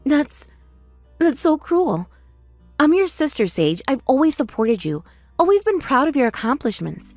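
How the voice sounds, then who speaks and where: An actress playing a hurt, loyal young sister in a family drama, speaking in an earnest, emphatic way. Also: female voice, high voice, sing-song, unhurried, a little mellow, no echo, faint music behind, full character voice. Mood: wounded, pleading. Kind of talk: dramatized family-conflict story dialogue.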